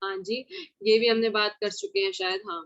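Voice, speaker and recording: A woman teaching an informal exam-prep lesson, mixing Hindi with English terms and slowly spelling words out. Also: medium pitch, level tone, dry recording, dull audio. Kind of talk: online exam-prep lecture.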